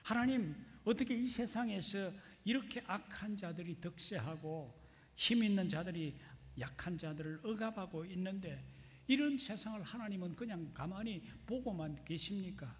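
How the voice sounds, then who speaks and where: A preacher acting out an anguished prophet crying out. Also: male voice, high voice, lively intonation, moderate pace. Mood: pleading. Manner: pleading, indignant outcry. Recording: long reverb of a large hall.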